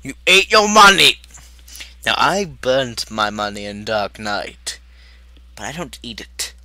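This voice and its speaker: Woman playing a manic male clown villain, giggling, crude, slow drawl, sharp bright tone. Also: rumbling low, dry recording, exaggerated voice. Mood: gleeful, unhinged. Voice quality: cackling, crude, theatrical. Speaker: video reactor in character. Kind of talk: in-character reaction commentary.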